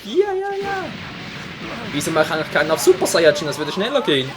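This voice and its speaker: A man giving live gameplay commentary, joking around and breaking into sudden shouts. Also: on the high side, racing, background noise. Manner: excitable, jokey, prone to sudden shouts. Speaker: let's play commentator.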